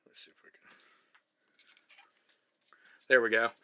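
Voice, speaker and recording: Inside a truck cab, a man in his thirties with a Texan accent casually walks through his camera setup for his vlog. He speaks unhurriedly with no echo, relaxed and chatty, handling the gear as he explains each step.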